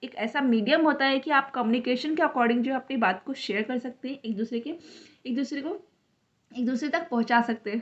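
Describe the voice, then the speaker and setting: A woman teaching an online exam-prep lesson, explaining each question step by step and reading the English question text out slowly. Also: high voice, muffled recording. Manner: explains step by step, mixes English terms into Hindi.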